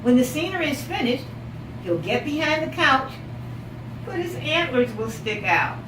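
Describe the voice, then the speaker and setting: A female teacher reads a picture book to young children in an interactive storytime, asking questions along the way. Her high, animated voice is encouraging and expressive; she repeats the children's answers and draws out story words for emphasis. The recording comes from a distant mic in an echoey room with loud background noise.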